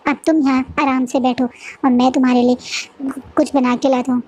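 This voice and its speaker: A strict but caring young man who scolds firmly and then comforts in a level, reassuring way, as a woman narrator reads him. The voice is high and light. The reading stays close to the narrator's everyday voice. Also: little pitch movement, moderate pace, a little mellow, muffled recording.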